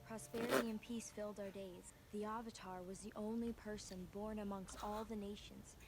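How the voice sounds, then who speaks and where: A woman's voice: medium pitch, fairly even intonation, normal speed, close to an everyday voice. A woman playing an earnest young village girl who narrates a film's opening in a solemn, storytelling tone. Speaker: film narrator. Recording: film audio with loud ambient noise.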